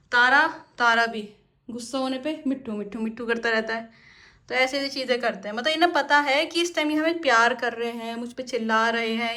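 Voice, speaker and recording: A young woman talking in a high, light voice as she vlogs casually at home. She explains things at length in a chatty way and often answers her own questions. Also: a bit bright. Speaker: vlogger and parrot owner. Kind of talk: casual explanatory vlog talk. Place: at home indoors.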